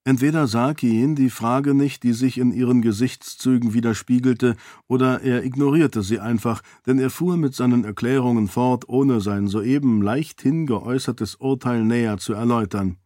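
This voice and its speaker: A man narrating a fantasy audiobook in a measured, even storytelling manner, close to the mic. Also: medium pitch, dry recording.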